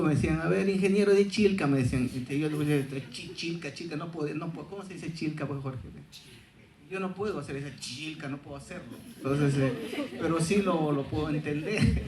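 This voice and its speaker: A man's voice: a little high, darkish tone, echoey room, slight background noise, rough recording. A man, an anthropologist, telling an anecdote at a conference panel, hesitant and repeating words. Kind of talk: conference talk.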